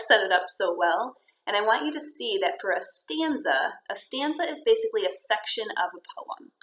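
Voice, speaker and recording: A woman teacher giving a poetry lesson, explaining step by step and encouraging her students. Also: medium pitch. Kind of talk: recorded classroom lesson. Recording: roomy, dull lo-fi sound.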